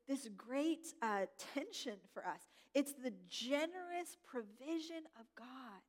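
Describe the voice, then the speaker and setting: High-voiced woman pastor, gentle reflective sermon, slows down on the big words, long hall echo.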